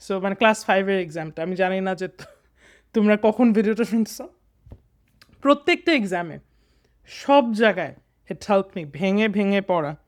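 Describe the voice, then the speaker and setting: A young man in his twenties with a Bangladeshi accent, tutoring students in English grammar. He talks patiently and reads sentences in small pieces, mixing English words into his explanations. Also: sits high. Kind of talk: casual exam lesson.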